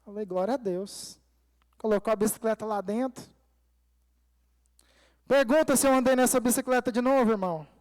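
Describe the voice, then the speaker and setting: A man's voice: very high-pitched, fairly quick, pauses often, a little mellow. A male pastor preaching a sermon at a church service, telling a personal story and calling the congregation dear ones and brothers. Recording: long reverb of a church hall.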